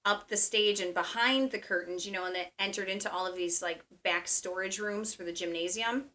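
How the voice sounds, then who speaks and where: A woman's voice: mid-range voice, steady tone, a little fast, bright, forceful tone. A woman telling the story of a recurring dream in a chatty way, full of fillers. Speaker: dreamer guest. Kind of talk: conversational storytelling.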